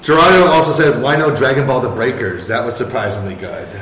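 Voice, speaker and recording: A man's voice: mid-range voice, quick pace. A man hosting a podcast, leading the chat and reading out viewer comments. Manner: lively, reads viewer comments. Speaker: podcast host. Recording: echoey room, faint hum.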